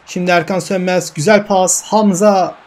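High-voiced young man calling his game. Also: normal speed. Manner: emotional, swings from calm commentary to yelling at goals and cursing misses. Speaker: gaming YouTuber. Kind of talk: excited play-by-play of his own football video game. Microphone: desk mic.

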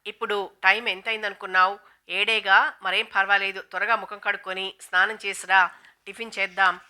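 A woman's voice: mid-range voice, little pitch movement, brisk, bright, forceful tone, clear, resonant tone. A woman reading as a gloating, mocking rich woman. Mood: breezy. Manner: taunting, gloating. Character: proud, mocking wealthy young woman.

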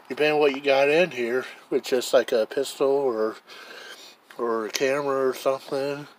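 Out on a deck, a man films gear with a handheld camera and reviews it casually, rambling and plainspoken as he thinks aloud. His mid-range voice comes through poor audio with slight background noise.

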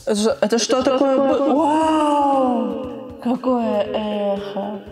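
A woman vlogger testing a karaoke microphone, her loud, playful voice ringing with a heavy echo. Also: on the high side, slow pace, faint music behind. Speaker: unboxing vlogger. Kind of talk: excited unboxing chat.

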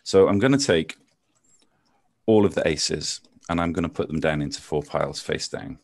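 A man with a soft Bristol accent talks in a deep register, close and dry with almost no room sound. He explains card tricks over a video call in a loose, joking way, poking fun at his own lack of skill. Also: normal speed, no room sound. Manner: self-deprecating, jokey, chatty with frequent ums. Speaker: maths teacher performing card tricks. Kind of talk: casual chat and card trick demonstration.

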